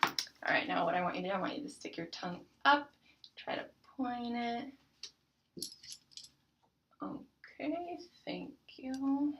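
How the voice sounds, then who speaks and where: A young woman, a student clinician, giving calm, patient step-by-step instructions in a practice oral exam. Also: fairly high pitch, a little slow, gravelly, pauses often, background noise.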